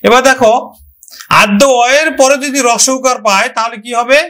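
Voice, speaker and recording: Man, high voice, grammar teacher, drills example words slowly, asks and answers his own questions. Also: sharp tone. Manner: slow, drawn-out pronunciation of example words; asks the listener questions, then answers them. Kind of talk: online grammar lesson.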